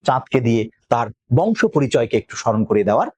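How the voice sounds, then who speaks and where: A man's voice: mid-range voice, big pitch swings, brisk, a little mellow, husky, no echo. A man teaching a poem, reciting verse lines and then explaining them, asking his class questions and answering them himself.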